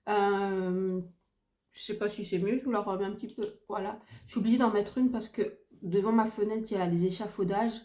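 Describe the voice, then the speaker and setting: Middle-aged woman, mellow voice, chatty home beauty vlog, gushing with fillers and repeats. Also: medium pitch, fairly even intonation, fairly quick, reverberant. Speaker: beauty vlogger. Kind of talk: casual makeup review chat. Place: home room by a window, ring light. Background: faint sounds of kids gaming and neighbour's renovation.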